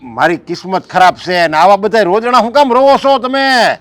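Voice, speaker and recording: A generous, reassuring family man, played by an actor speaks with a slightly raised pitch. He lectures patiently in a rural family drama. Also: moderate pace, dry recording, soft background music, close to an everyday voice. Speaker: head of household.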